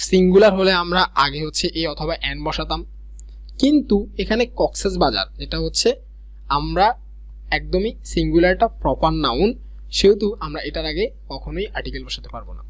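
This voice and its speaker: Man, young adult, slightly raised pitch, grammar tutorial, step-by-step explaining. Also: lively intonation, fairly bright tone. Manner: explains step by step, reads English examples slowly.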